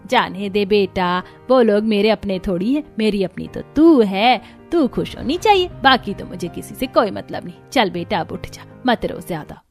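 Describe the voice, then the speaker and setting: A bossy older mother-in-law from a cartoon story gives curt orders, played by a woman. She is gruff and commanding, yet she dotes on her favorite daughter-in-law. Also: mid-range voice, expressive, normal speed, hardly any pauses, a little mellow, faint music behind, natural voice. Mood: consoling.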